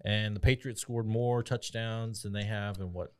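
A man co-hosting a sports podcast, tossing in quick wisecracks during casual chat. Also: fairly low pitch, steady tone, clear, resonant tone. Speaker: podcast co-host.

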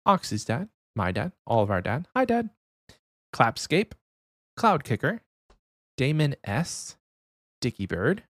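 The sound is clean studio audio with no room sound as a young man co-hosting a podcast chats casually in a medium-pitched voice. He talks quietly, trying not to wake anyone.

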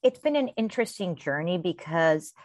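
A woman from Costa Rica, a venture capital founder, answering interview questions in a measured, storytelling way. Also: lowish voice, expressive, darkish tone, dry recording. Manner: measured storytelling with occasional fillers.

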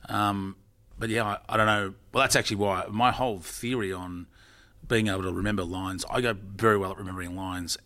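Low-voiced Australian male raconteur, animated anecdotes. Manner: animated, joke-telling raconteur. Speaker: guest, former television warm-up comedian. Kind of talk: casual interview chat.

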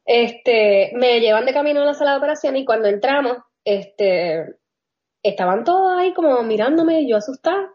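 Lively woman telling a story. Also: a little high, normal speed. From Puerto Rico. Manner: animated, laughs often, mixes in English phrases. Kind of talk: casual storytelling chat. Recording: dull lo-fi audio.

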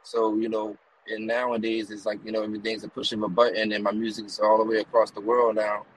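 Poor audio with slight background noise captures a man from the US East Coast talking fast in a lowish monotone. A rapper and music promoter, he's the guest in a relaxed interview taking place in a car, and his stories run long and meander, stuffed with fillers and "you know what I mean."

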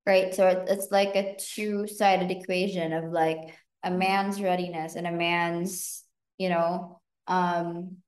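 Woman podcast host, slow relaxed chat, lowish voice, echoey room. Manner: relaxed, thinking aloud with fillers. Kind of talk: casual chat.

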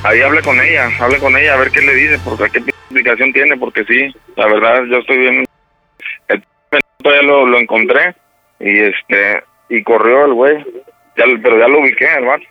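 Faint music plays behind this prank call, where a Mexican radio host poses as an upset husband. He speaks haltingly, with frequent hesitations and restarts, in a medium-pitched, sharp voice with no echo.

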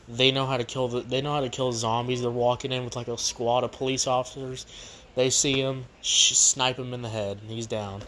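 A man hosting a casual, unscripted movie review, rambling and repeating himself, recorded on a poor makeshift microphone. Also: medium pitch. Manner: rambling, repetitive. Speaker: movie review show host. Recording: cheap makeshift mic, noisy background.

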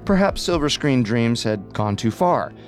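A man's voice: mid-range voice, lively intonation, unhurried, soft background music. A man delivering scripted true crime narration as a storyteller.

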